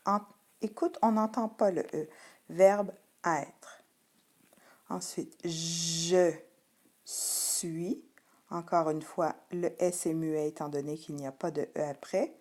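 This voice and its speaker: A woman's voice: fairly low pitch, moderate pace, darkish tone. A woman teacher giving a patient reading lesson to young children, sounding out letters and syllables one by one. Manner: spells out sounds and syllables carefully, addressing the child directly.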